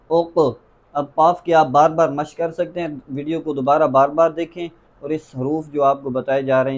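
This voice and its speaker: A man teaching tajweed, working through the alphabet one sound at a time. He repeats each letter patiently and stretches some into a half-sung tone. His voice sits a little high for a man. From Pakistan. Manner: patient, drills letters by repeating them slowly. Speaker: Quran recitation teacher. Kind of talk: tajweed pronunciation lesson.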